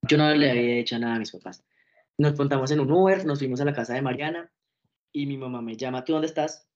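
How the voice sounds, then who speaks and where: Fast-talking young man, slightly muffled. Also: mid-range voice. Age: young adult. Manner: animated, acts out quoted dialogue. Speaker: interview guest. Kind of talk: casual storytelling.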